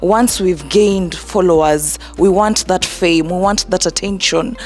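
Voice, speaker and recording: Young Kenyan woman, youth advocate, earnest and measured, lowish voice. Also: darkish tone. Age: young adult. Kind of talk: group discussion.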